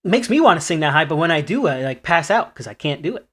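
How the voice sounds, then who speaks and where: A man co-hosting a podcast in casual chat, laughing often while giving relaxed opinions. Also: fairly high pitch, quick pace. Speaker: podcast co-host.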